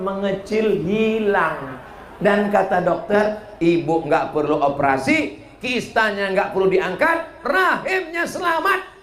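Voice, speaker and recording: A man's voice: on the high side, fairly bright tone. A male preacher giving a humorous religious lecture, telling stories and acting out dialogue with playful jumps in voice. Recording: echoey hall, faint noise.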